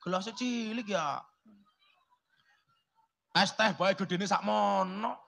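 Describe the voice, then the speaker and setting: A man preaches with a Javanese accent, his voice high and bright. He jokes and talks back and forth with the crowd. His sermon keeps sliding between formal speech and casual Javanese. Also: slow, gravelly. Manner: joking, chats with the audience, slips into Javanese. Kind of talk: humorous sermon to a village crowd.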